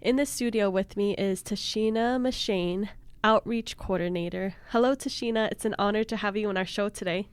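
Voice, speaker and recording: A woman hosts a radio talk show from the studio, her voice smooth and clear at a mid pitch. She encourages her guest with frequent mm-hmms. The sound is close and dry. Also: normal speed, no room sound. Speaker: radio host. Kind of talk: radio interview.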